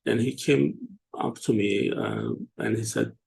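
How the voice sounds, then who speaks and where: A man from Turkey, hosting a casual online discussion and talking haltingly with many fillers and restarts. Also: medium pitch, wildly swooping pitch, a little mellow, a little hiss or hum. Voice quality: gravelly, husky. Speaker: show host.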